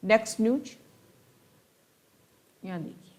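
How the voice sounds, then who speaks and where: A woman tutor giving a newspaper analysis lesson for exam students, reading English passages slowly and then explaining and rephrasing them in Hindi. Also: on the high side, a little mellow. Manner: explanatory, repeats and rephrases points.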